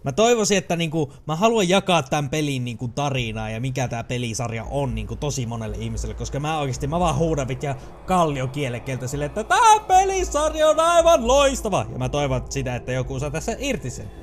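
A young man with a Finnish accent giving excitable, chatty let's play commentary, swearing and laughing often as he plays. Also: medium pitch, a little hiss or hum. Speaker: gaming channel host.

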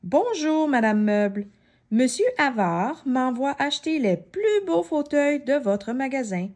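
A woman's voice: high voice, expressive, a little slow, darkish tone. A woman voicing a mischievous female prankster in a children's story, playful and sly.

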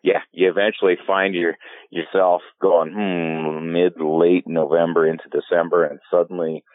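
A man, a fly fishing guide and filmmaker, answering in a relaxed podcast interview and rambling through many restarts. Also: low voice, moderate pace. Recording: tinny phone-like line.

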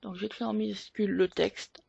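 A woman hosting a photo editing tutorial, explaining each step slowly with hesitant fillers. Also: medium pitch, level tone, vocal fry, darkish tone, highs cut off, a little hiss or hum. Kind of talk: screen-recorded software tutorial.

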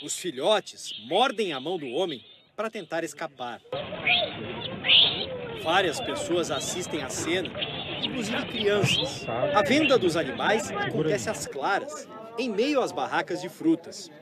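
Brazilian reporter guy reading a news piece, serious, high voice, crowd noise behind. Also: big pitch swings. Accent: Brazilian Portuguese. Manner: measured, grave reporting tone. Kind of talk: scripted news narration.

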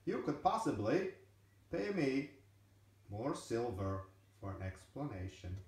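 A man's voice: medium pitch, sing-song, slow, darkish tone. A man voicing a grandiose, greedy male fortune-telling machine that announces itself with self-important flourish. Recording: very echoey room, from a distance.

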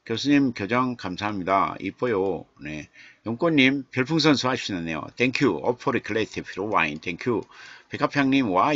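An older man hosting a live stream, greeting viewers and slowly reading over and correcting a poem. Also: lowish voice, bright, forceful tone, no echo. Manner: slow, musing, reads a viewer's lines aloud and questions them. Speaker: livestream host and literature professor. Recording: dull lo-fi stream audio, dry.

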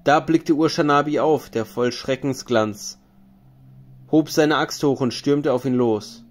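A man narrating an ancient epic as an audiobook, in a measured, solemn reading. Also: mid-range voice.

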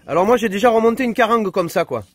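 Guy filming on a fishing boat, kinda high voice, joking around, loud and excited. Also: rapid-fire. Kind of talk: casual joking commentary. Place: outdoors on a fishing boat at sea.

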